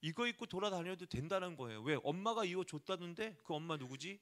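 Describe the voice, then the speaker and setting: Animated high-voiced Korean pastor preaching. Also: male voice, quick pace. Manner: conversational preaching with frequent rhetorical questions. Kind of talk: sermon.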